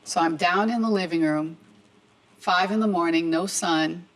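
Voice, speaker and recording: A woman's voice: on the low side, normal speed, poor audio. A middle-aged woman telling a personal story on a talk show, acting out the dialogue as she goes. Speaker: guest. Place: tv studio.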